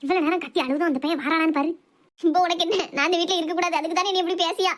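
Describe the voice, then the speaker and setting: A woman's voice: fairly even intonation, rapid-fire. A woman voicing a scolding, self-pitying older mother-in-law in a cartoon, with a Thoothukudi Tamil accent and a wailing, nagging way of talking. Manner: shrill nagging, wailing complaints. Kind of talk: cartoon voice acting.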